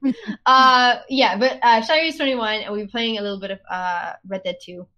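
A sleepy woman chats on a podcast with a fairly high voice. She gushes and giggles, her words trailing off as she yawns through the late hour. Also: fairly even intonation, a little fast, bright, forceful tone, dull audio. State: sleepy, yawning. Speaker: podcast co-host. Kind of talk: casual chat.

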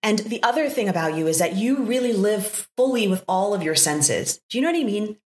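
A woman's voice: medium pitch, animated, brisk. Effusive woman host, echoey room. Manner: warm and effusive, with lots of fillers. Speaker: podcast host. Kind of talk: casual interview conversation.

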